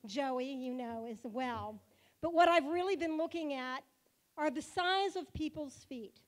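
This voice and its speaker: A woman, the synagogue president, giving a joking, warm-hearted speech at a banquet held in a car museum hall. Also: high voice, measured pace. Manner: playful, joking speaker.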